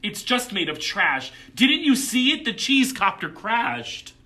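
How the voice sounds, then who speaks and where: A man's voice: high-pitched, sing-song, unhurried, sharp tone, pitched above the performer's own voice, full character voice. A man voicing a young girl inventor in a children's storybook, earnest, easily discouraged and melodramatic. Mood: distraught. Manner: exclamatory, melodramatic.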